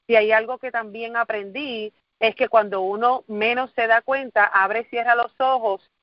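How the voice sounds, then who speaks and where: Her pitch fairly high and her tone steady, a Puerto Rican motivational speaker in her forties talks at a normal speed, earnestly repeating words for emphasis and putting questions to the audience. The audio sounds dull but has no echo.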